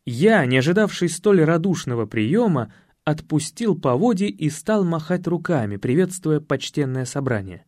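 A man reading a comic story aloud, his voice rising and falling with expression. The recording is close and dry, with a slightly higher than usual pitch. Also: a little mellow, dry recording. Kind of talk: audiobook narration.

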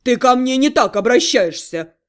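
A woman voicing a furious, capricious male high demon who bellows and shouts at people. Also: normal speed, close to an everyday voice. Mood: roaring.

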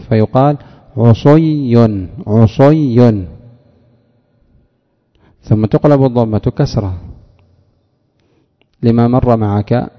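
Male teacher, mid-pitched, drawn-out examples, questions answered himself, dull lo-fi lecture recording. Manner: asks the class questions and answers them himself, drawls example words slowly. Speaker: teacher of Arabic morphology. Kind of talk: classroom lecture. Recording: dull lo-fi recording with long hall reverb.

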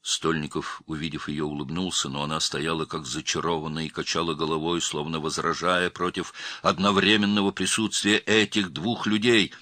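A man reading a novel aloud as narrator in a steady, expressive way. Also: extremely low pitch, moderate pace, hardly any pauses, no echo. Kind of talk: audiobook reading.

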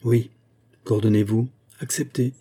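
A man voicing a cool, haughty, aging bishop and former musketeer who gives calm orders in an audiobook. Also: medium pitch, a little slow, husky. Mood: calm commanding. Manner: calm, haughty, sure of command.

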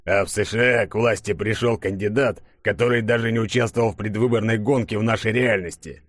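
Guy doing a stern chief, low voice, slow and grave. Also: steady tone, no room sound, close to an everyday voice. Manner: grave, measured briefing. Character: stern middle-aged male chief, grave and measured.

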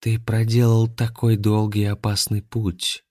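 A man's voice: fairly low pitch, fairly even intonation, measured pace, a little mellow, no echo, studio quality, lightly acted. A man voicing a woman possessed by an alien, speaking in an indifferent, lifeless way. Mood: menacing. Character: woman whose body is taken over by a cold alien.

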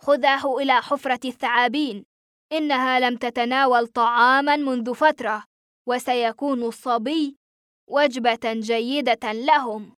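A woman's voice: high voice, fairly even intonation, normal speed, fairly bright tone, smooth, no echo, studio quality. A woman voicing a cold, ruthless male rebel general who gives curt orders. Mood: cold commanding. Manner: curt, commanding.

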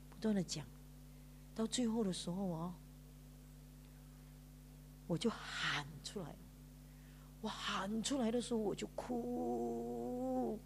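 A woman's voice: fairly high pitch, gravelly, a little mellow, a little hiss or hum. A woman pastor with a Malaysian Mandarin accent, giving an emotional sermon testimony in a storytelling way, drawing out sentence particles and mixing in English words. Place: church.

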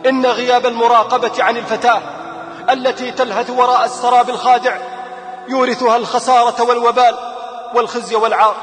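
A man's voice: extremely high pitch, steady tone, fast talker, a bit bright. A man telling a moral story as a sermon, impassioned and pleading, repeating phrases for emphasis. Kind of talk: emotional sermon-style story narration. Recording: echoey hall with background music.

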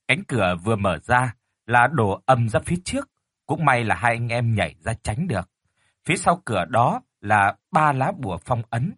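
A man reading a horror story aloud in a dramatic, expressive way. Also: medium pitch, husky, dry recording, studio quality. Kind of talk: scripted horror story narration. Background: faint music.

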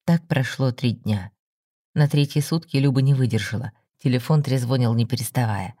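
A woman narrating a story for an audiobook in a steady, even manner. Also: rumbling low, moderate pace, no room sound, studio quality.

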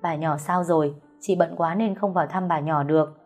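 A woman's voice: deep voice, fairly even intonation, normal speed, a little mellow, soft background music. A woman voicing a haughty young woman of the family who talks in a cold, dismissive way.

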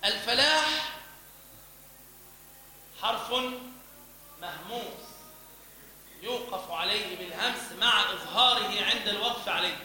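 A man's voice: sits high, moderate pace, pauses often, bright, forceful tone, slight background noise. A man giving a religious lesson on pronouncing the call to prayer, demonstrating sounds by chanting and repeating syllables. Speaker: teacher of the call to prayer and Quran recitation. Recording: echoey hall.

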